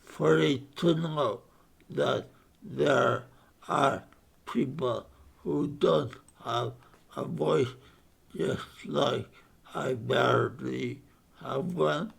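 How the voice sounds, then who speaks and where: A man in his fifties from Spain with a speech impairment, giving a halting self-introduction as a board candidate. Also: mid-range voice, vocal fry, slightly rough. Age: 50s. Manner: halting, broken into short phrases.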